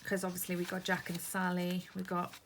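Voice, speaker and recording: A Welsh craft vlogger chats her way through a crafting tutorial, rambling as she sorts papers at her desk. Her voice is on the low side, monotone and fairly quick, with paper rustling and crinkling close to the mic.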